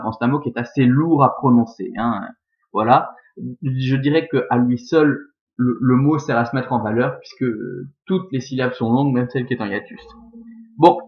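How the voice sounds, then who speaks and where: In a recorded lesson, a man methodically scans a Latin verse, working through it step by step. His voice sits at medium pitch, and the recording has its highs cut off.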